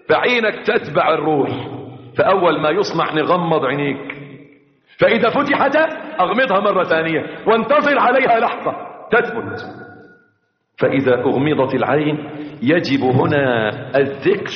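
A male preacher giving an impassioned sermon, calling out to his listeners and chanting verses. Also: high voice. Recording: echoey hall, dull lo-fi sound.

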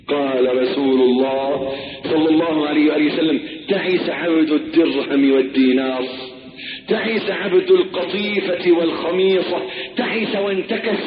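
A man preaching a sermon with passion, swinging from low murmurs to high shouted cries. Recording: echoey hall with a crowd, dull sound.

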